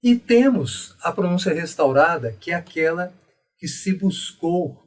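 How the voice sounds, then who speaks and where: A Brazilian man with a Brazilian Portuguese accent giving a step-by-step video lesson, slowing down to pronounce example words carefully. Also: a little high, animated, recorded from a distance. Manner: methodical, explains step by step and pronounces examples slowly. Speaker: educator explaining Latin pronunciation.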